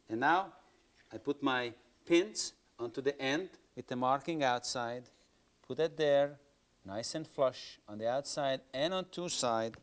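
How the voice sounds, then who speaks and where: A man patiently demonstrating woodworking step by step, speaking plain English with non-native phrasing, heard from a worn videotape copy. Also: medium pitch. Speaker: woodworking instructor.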